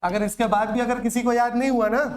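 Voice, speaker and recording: Here a Chhattisgarh-accented male teacher talks fast in a very high, flat voice. His Hindi classroom lecture runs on call-and-response, quizzing students again and again and using memory tricks.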